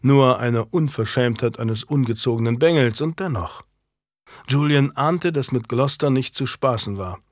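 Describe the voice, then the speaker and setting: A man's voice: mid-range voice, moderate pace, no room sound. Man reading an audiobook, dry sound. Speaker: audiobook narrator. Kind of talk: scripted narration.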